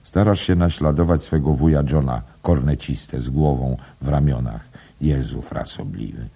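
A man's voice: very deep voice, normal speed, vocal fry, dark tone, slightly rough, exaggerated voice. A man voicing a bitter, mocking aging Irish father who scolds and sneers. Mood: scolding. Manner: scolding, sardonic.

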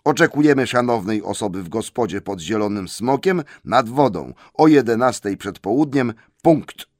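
A man's voice: on the low side, expressive, normal speed, darkish tone, dry recording, studio quality, pitched above the performer's own voice, lightly acted. A man voicing a formal, pompous letter from a company of dwarves in an audiobook, stiff and businesslike.

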